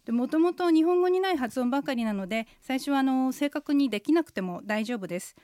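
A woman co-hosting a radio language lesson, slowly and carefully explaining how sounds are pronounced. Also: sits high, animated, dark tone, no room sound, clean studio sound. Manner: slow, careful explanations of pronunciation. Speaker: Chinese language instructor and co-host. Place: radio studio.

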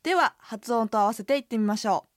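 Brisk woman co-host explaining tones. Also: fairly high pitch, lively intonation, dry recording, studio quality. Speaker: radio language lesson co-host. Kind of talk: radio language lesson.

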